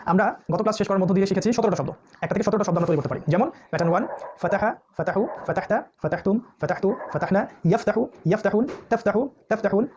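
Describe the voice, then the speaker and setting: Rapid-fire male Arabic teacher. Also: sits high, a little mellow, a little hiss or hum. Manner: drills word lists in quick repetitive chants. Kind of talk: classroom review lesson.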